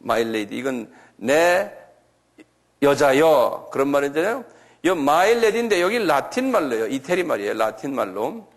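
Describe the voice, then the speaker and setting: A man with a somewhat raised pitch lectures a church audience at a very slow, deliberate pace. He repeats key names again and again and keeps turning to his listeners with questions. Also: very animated. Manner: spells out and repeats foreign names. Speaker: lecturer on creationism.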